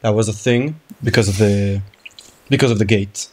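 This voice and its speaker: A man's voice: lowish voice, normal speed, darkish tone, slight background noise. A young man in casual reaction chat, blunt and opinionated, with mild exclamations. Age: young adult. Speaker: reaction video co-host. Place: small room at home, indoors. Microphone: shared microphone on a boom arm in front.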